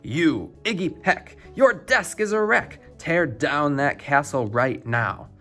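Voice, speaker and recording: A man plays a severe schoolteacher woman from a children's storybook. She speaks in an emphatic, scolding way, her pitch swooping dramatically, with music playing behind. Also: expressive, slow, fairly bright tone, full character voice. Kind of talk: storybook character reading.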